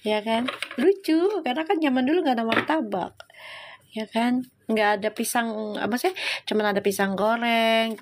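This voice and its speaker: A middle-aged woman, a tarot reader telling a story casually to her livestream viewers, chatty and laughing often. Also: medium pitch.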